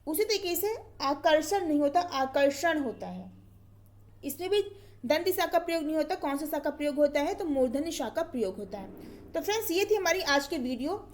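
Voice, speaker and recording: A high-voiced woman teaching an exam-prep grammar class. She talks methodically and repeats each word twice. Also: animated, a little fast.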